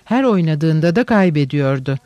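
A man narrating a novel in a steady, even storytelling manner. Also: a little high, normal speed, no echo. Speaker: audiobook narrator. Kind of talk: scripted literary narration.

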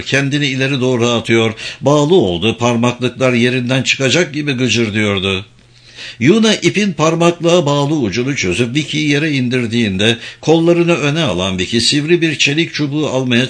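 A man narrating an audiobook in a dramatic, expressive reading style. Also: medium pitch. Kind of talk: scripted narration.

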